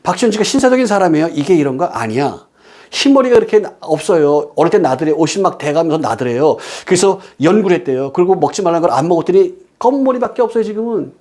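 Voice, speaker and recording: A male preacher with a fairly high voice, delivering a sermon. He presses his points hard and asks rhetorical questions. Between those stresses he drops into a quieter storytelling tone. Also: big pitch swings, fast.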